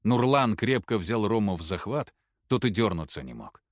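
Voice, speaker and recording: A man narrating an audiobook with an expressive, dramatic reading. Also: lowish voice, moderate pace, no echo, studio quality.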